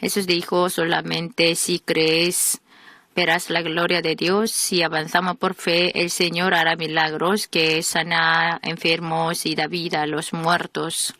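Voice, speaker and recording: A woman reads a sermon voice-over in a steady, measured preaching manner. Her tone is bright and forceful, set a little low. The recording is close and dry. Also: no room sound. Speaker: voice-over reader of a translated sermon.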